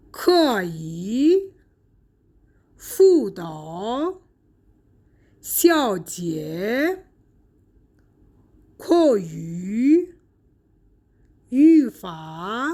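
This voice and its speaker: A woman from Iran teaching Chinese pronunciation in a casual lesson, pausing often with "uh" and stretching example words out slowly. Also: fairly high pitch. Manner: explains slowly, with frequent "uh" fillers.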